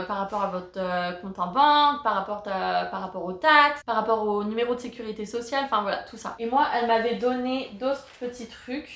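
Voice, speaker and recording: A woman's voice: medium pitch, a bit bright, echoey room. A young woman from France in her twenties telling her story in a chatty, slangy vlog with lots of fillers. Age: 20s. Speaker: vlogger.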